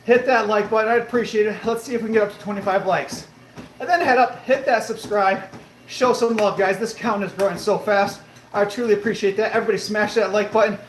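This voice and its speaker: With a high voice, fairly even intonation, and a slightly quick pace, a man in his thirties streams live from a treadmill in a room at home. He keeps things positive and motivational as he answers comments, with a roomy echo and faint noise in the background.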